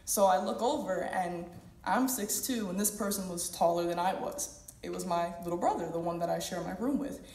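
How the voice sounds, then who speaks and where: A woman's voice: on the low side, moderate pace, darkish tone. A woman tells a personal story on stage, candid and humorous, quoting others in playful voices. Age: 20s. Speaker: student speaker. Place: event hall at a university. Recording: echoey room, mic at a distance.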